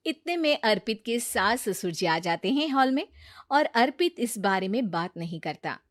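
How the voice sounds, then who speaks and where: A woman doing scripted storybook narration for a family cartoon, plain and even. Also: fairly high pitch, moderate pace, no room sound, studio quality.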